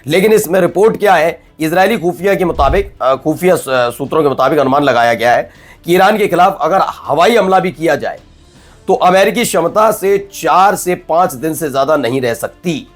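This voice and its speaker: A man presenting news commentary in a conversational, animated way, with frequent restarts. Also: a little high, normal speed, faint music behind.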